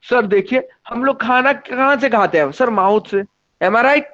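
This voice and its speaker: This teacher runs an online science lesson, his fairly high voice lively and a little slow. He keeps quizzing his students as he goes, and the recording has its highs cut off.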